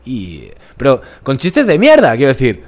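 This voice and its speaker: Spanish male co-host, lively storyteller, playful. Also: medium pitch, normal speed. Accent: Spain Spanish. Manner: playful anecdote teller. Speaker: podcast co-host. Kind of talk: casual chat, storytelling.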